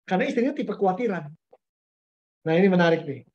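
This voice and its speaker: A man's voice: high voice, animated, fast talker. A man, a pastor giving a conversational webinar talk, telling anecdotes in a chatty way with slang and English words mixed in. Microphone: webinar video call. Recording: dull lo-fi webinar audio.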